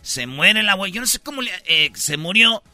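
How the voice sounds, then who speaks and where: A man's voice: high voice, expressive, a little fast, bright, forceful tone, dry recording. A Mexican man hosting a radio show, telling jokey news stories in casual slangy chat. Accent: Mexican Spanish.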